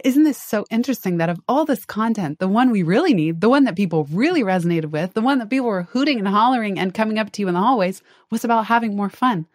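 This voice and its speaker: A woman's voice: medium pitch, animated, quick pace, hardly any pauses, no echo, clean studio sound. A woman hosting a podcast, an author who asks her guest thoughtful, eager questions. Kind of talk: podcast interview.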